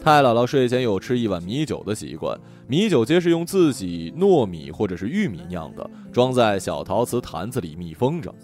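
A man narrating a children's story in a gentle, expressive scripted reading. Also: on the low side, normal speed, few pauses. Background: soft music.

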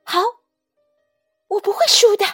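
A woman voicing a small, trusting baby ankylosaur boy in a children's storybook reading, high, eager and pleading. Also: a little slow, pushed and bright, faint music behind. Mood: determined.

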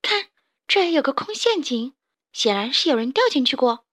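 A woman's voice: high-pitched, very animated, moderate pace, fairly bright tone. Woman doing a clever girl chick. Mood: calm. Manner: thoughtful, commanding. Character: clever young girl chick, calm leader.

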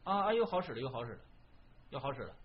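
A man hosting a casual livestream, loud, playful and laughing often. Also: mid-range voice, very animated, racing. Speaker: livestream host. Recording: dull lo-fi stream audio.

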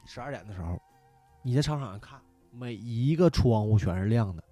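A man telling a story in casual chat, animated and swearing, shouting out parts of the tale. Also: mid-range voice, brisk, faint music behind. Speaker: podcast guest.

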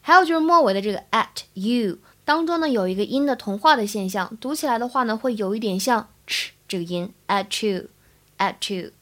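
A woman's voice: on the high side, expressive, brisk, hardly any pauses. A young woman from China teaching spoken English, explaining pronunciation step by step in an upbeat way. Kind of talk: podcast-style English lesson.

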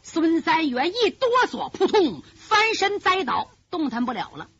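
A woman's voice: very high-pitched, big pitch swings, a little slow, dry recording. A woman telling a traditional martial arts story in a vivid, dramatic way. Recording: dull lo-fi recording.

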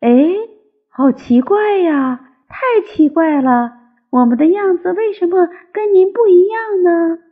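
An older woman voicing a chorus of eager little tadpoles, calling out in a high, squeaky voice. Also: animated, takes it slowly. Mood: curious. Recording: tinny phone-like lo-fi sound.

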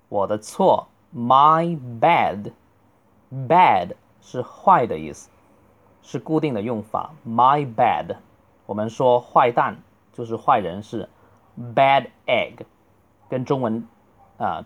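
A middle-aged man, a native Chinese speaker, teaching a beginner English lesson and slowly drawing out each model phrase. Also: medium pitch. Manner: slow, drawn-out model phrases between quicker explanations.

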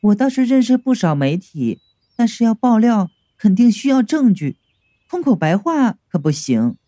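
A woman's voice: fairly high pitch, sing-song, normal speed, dark tone, no room sound, studio quality, pitched above the performer's own voice. A man voicing a bashful female spirit in a comic ghost audiobook, coy and prim. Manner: coy, then matter-of-fact.

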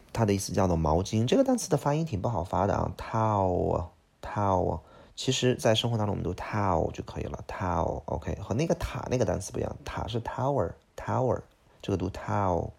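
A man with a gravelly, husky voice, a native Chinese speaker, teaching a vocabulary lesson. He explains each word, repeats its pronunciation, and often says "OK". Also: sits low, a little mellow.

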